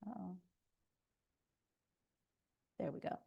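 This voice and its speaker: Speaking slowly into a headphone mic on a video call, this soft-spoken woman presents an informational webinar as a procurement officer. She explains steadily, often saying "um," and the recording has its highs cut off.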